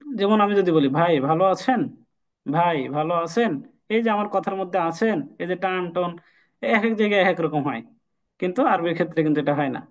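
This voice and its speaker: A man with a somewhat high voice leads an informal Quran recitation class. He explains each rule patiently, says key points twice and slows right down to chant the Arabic examples. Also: low-quality recording. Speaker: Quran teacher.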